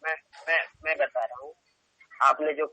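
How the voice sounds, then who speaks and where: A man's voice: on the high side, fairly even intonation, sharp tone, no echo. A man calling into a debate by phone, evasive, turning each question back on the other side. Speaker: caller in a debate. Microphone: phone with headphones. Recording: muffled phone line.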